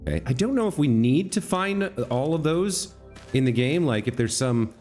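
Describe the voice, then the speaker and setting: A man's voice: mid-range voice, very animated, measured pace, a little mellow, soft background music. A man giving casual let's play commentary, musing and thinking aloud as he goes. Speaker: gamer commentator.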